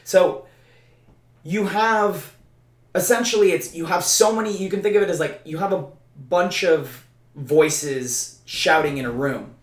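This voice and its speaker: A man's voice: high voice, a little slow. A man co-hosting a podcast in casual chat, stammering through restarts and talking emphatically. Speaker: podcast co-host. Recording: roomy echo.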